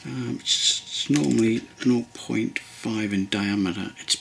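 Gravelly man narrating a hobby build. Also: lowish voice, measured pace, a bit bright, slight background noise. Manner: rambling, hesitant with many ums and restarts. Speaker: model railway builder. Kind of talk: casual hobby tutorial narration. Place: hobby workbench indoors.

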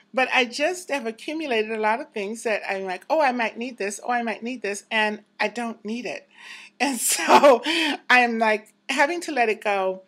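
A woman in her fifties vlogs from a room in her apartment, holding a camera close as she chats with viewers in a casual, reflective way. She laughs often, and her voice is on the high side with a fairly bright tone.

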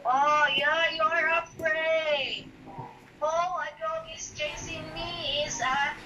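A woman's voice: high voice, sharp tone, dull audio. A woman teacher with a Filipino accent leading a grade one online class review, patiently asking children questions and praising their answers. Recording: roomy, distant mic with background noise.

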